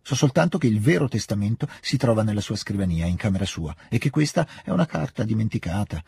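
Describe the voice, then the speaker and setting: A man reading aloud, voicing an angry proud elder princess who shouts in fury. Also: fairly low pitch, lively intonation, fast talker, vocal fry, breathy edge, no echo, voice pushed up, heavily acted. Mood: cold.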